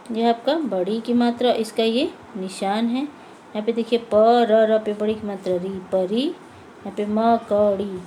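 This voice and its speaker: A woman's voice: a little high, mellow, a little hiss or hum, poor audio. A woman teaching a Hindi lesson to young children, patiently repeating words and asking and answering her own questions. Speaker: primary school Hindi teacher.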